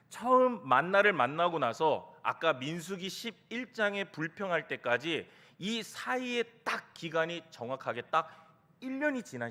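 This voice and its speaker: A man's voice: fairly high pitch, a bit bright. A man preaching a Sunday sermon in a church, telling stories with quoted voices, asking rhetorical questions and adding humorous asides to the congregation. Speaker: pastor. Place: church sanctuary.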